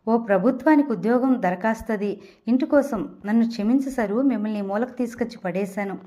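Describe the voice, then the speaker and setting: A woman's voice: a little high, fairly quick, mellow, natural voice. A woman voicing an unstable, drinking husband in a read-aloud audio novel, raving and mocking in turn. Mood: tender. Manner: raving and mocking, then tender. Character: volatile drunk adult man, a husband. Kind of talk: audiobook character reading.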